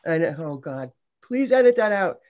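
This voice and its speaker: A woman's voice: mid-range voice, sing-song, normal speed, darkish tone. A woman social worker, a podcast guest, talking frankly and joking in casual conversation. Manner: frank, joking, self-correcting.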